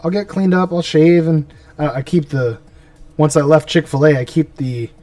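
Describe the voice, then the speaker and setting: In a fairly high, dark-toned voice at normal speed with no echo, a man chats casually on a live stream while painting miniatures. He rambles and talks to himself throughout. Music plays behind him, and the mic sits a bit far away.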